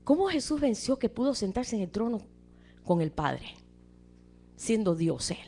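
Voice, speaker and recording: A woman preaching a sermon with animated delivery, often repeating words and calling listeners brother. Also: medium pitch, measured pace. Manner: animated, acts out quoted voices, addresses listeners as brother.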